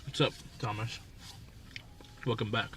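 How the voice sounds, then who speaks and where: A man's voice: on the low side, steady tone, measured pace. A man hosting a casual live stream, chatting offhand with viewers and talking with his mouth full. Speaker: livestream host. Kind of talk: casual live-stream chat while eating. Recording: distant mic with faint background noise.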